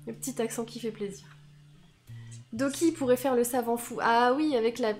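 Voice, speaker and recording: Giggly high-voiced Franc-comtois woman. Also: normal speed, darkish tone, soft background music. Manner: laughs often, thinks moves through aloud. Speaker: board game streamer. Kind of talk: live board game play with banter.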